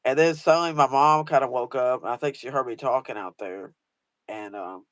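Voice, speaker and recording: Man host, middle pitch, loose rambling delivery full of fillers, dry sound. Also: a little fast, fairly bright tone, dry recording. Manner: rambling, many fillers and restarts. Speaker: host asking guest questions. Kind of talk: casual storytelling chat.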